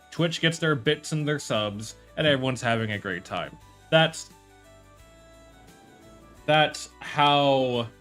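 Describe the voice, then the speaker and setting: Guy streaming and rambling on, lots of ums and restarts, bright forceful voice, faint music behind. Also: mid-range voice. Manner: rambling, animated, frequent fillers and restarts, swears. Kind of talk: casual live-stream commentary.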